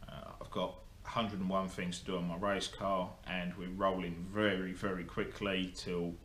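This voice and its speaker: A young motorsport vlogger talks to a camera set in front of him, giving an easygoing update that wanders and restarts amid plenty of ums. He speaks at normal speed in a low-pitched, level, fairly bright voice. The workshop indoors sounds echoey, with a faint hum underneath.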